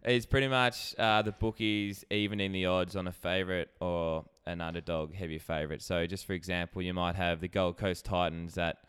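A man's voice: deep voice, flat delivery, moderate pace, few pauses, a bit bright, clear, resonant tone. A man with an Australian accent co-hosting a casual podcast chat, blokey, slangy and jokey, with some swearing. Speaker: podcast co-host.

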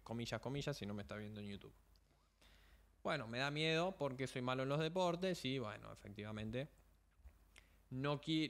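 A man's voice: fairly high pitch, fairly bright tone. A young man with a Rioplatense Spanish accent, hosting a motivational podcast in a blunt coaching tone full of slang and rhetorical questions. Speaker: podcast host.

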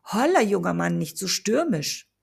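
A woman voicing a cheerful young woman who teases in a lively way. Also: medium pitch, moderate pace, creaky, slightly rough, full character voice. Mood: teasing.

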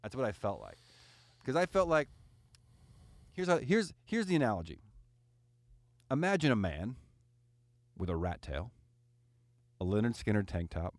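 A man hosting a casual podcast, talking his opinions through in a rambling, animated way with fillers and restarts. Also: lowish voice, normal speed, pauses often, dry recording.

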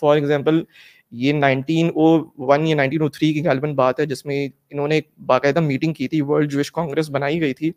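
A man's voice: a little high, darkish tone. A man in a casual discussion, laying out his points step by step and mixing English into Urdu. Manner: explanatory, lecturing tone, mixes English into Urdu. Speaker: guest in a discussion.

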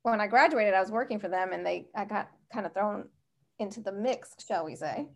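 A middle-aged woman from the U.S. West Coast, appearing as a podcast guest, talks fairly quickly in a gravelly, mid-range voice. She tells casual anecdotes, sprinkling in conversational asides.

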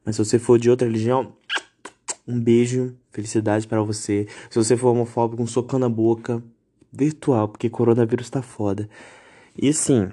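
Husky young man ranting sarcastically. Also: medium pitch, warm tone. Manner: indignant, sarcastic, swearing freely. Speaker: podcast host. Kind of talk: ranting podcast monologue.

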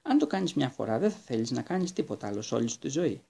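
A man's voice: medium pitch, very animated, gravelly, dark tone, husky, full character voice. A man voicing a brave, eager young boy in a storybook reading, earnest and reassuring.

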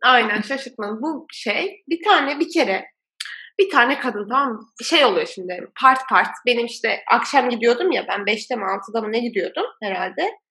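A young woman chatting casually, telling a story about her old call center job in an animated way and laughing often. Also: fairly high pitch, moderate pace. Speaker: former call center worker.

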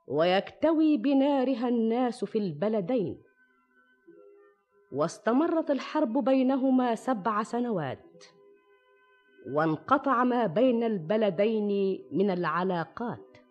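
A woman's voice: on the high side, lively intonation. Shahrazad, a poised young storyteller queen. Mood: storytelling. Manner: measured, rhymed classical recitation; modest and deferential to the king. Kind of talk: classic radio drama. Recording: slightly dull old radio recording, faint music.

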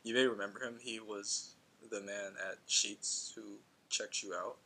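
Young man in a flat robotic voice. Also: fairly low pitch, unhurried, heavy background noise. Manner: flat robotic monotone while reading out a text message. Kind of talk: casual chat.

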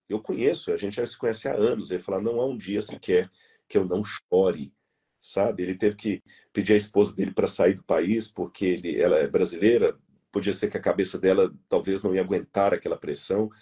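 A husky, warm, low-sitting voice belongs to a man from Brazil who talks a little fast. With a Brazilian Portuguese accent, he argues earnestly as an interview guest, emphatic and repeating key words conversationally.

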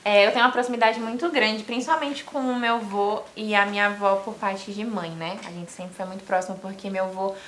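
Fast-talking emotional Brazilian podcast host. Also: female voice, medium pitch, steady tone, echoey room, slight background noise. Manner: warm, chatty, openly emotional. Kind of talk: casual interview chat.

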